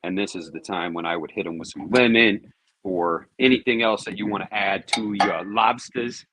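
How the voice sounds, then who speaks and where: A man's voice: on the low side, normal speed, fairly bright tone, a little hiss or hum. A man hosting his own cooking vlog, chatting casually and thinking aloud as he grills. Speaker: cooking show host.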